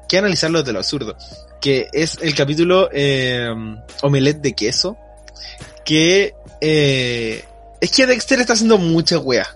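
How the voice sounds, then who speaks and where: A young Chilean man with a fairly high voice rambles through a cartoon plot in loose, slangy Spanish. Faint music sits underneath the talk. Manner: rambling storyteller, slangy, laughs while retelling. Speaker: podcast co-host. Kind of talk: casual chat.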